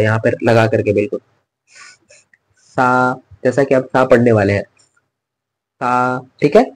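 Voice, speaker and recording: A Quran recitation teacher patiently teaches letter pronunciation classroom-style, repeating each sound and asking the learner to say it back. His mid-range voice is a little mellow with a breathy edge, and the recording is rough.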